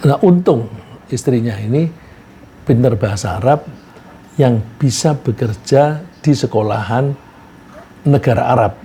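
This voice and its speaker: A man giving a religious lecture, reciting Arabic verses and explaining them in a relaxed, conversational way with anecdotes. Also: mid-range voice, unhurried, pauses often, slight background noise. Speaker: Islamic preacher.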